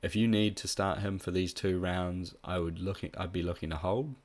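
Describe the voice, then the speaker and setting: Man, very low voice, nasal, slightly sick, casual, lots of ums. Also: moderate pace. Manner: relaxed, with frequent ums and restarts. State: a bit sick. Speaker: fantasy football tipster. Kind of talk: casual solo analysis.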